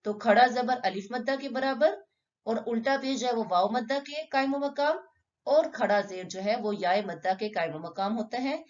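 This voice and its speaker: A woman's voice: fairly high pitch, moderate pace, darkish tone, lo-fi sound. Patient woman teaching Quran recitation. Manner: explains patiently, draws out sample syllables, asks and answers her own questions. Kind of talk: step-by-step recitation lesson.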